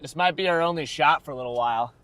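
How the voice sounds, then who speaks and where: A man's voice: on the high side, quick pace, a bit bright, no room sound. An American man chatting casually on a livestream as a storm chaser, talking from inside a vehicle. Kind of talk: casual livestream chat while storm chasing.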